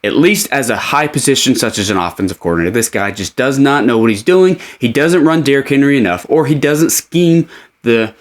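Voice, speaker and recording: A man's voice: mid-range voice, animated, a little fast. A man giving opinionated, conversational sports commentary as a podcast host, speaking emphatically from a fan's standpoint.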